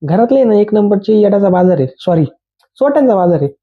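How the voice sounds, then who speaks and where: A man rants bluntly in casual slang, his voice sitting a little high. He sounds exasperated as he reviews a reality show. The recording is dull and lo-fi. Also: animated, a little fast, husky.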